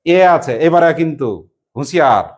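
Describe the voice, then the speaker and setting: A mid-range-voiced teacher runs a lesson over a noisy background, firing repeated questions at pupils and briskly commending the right answers.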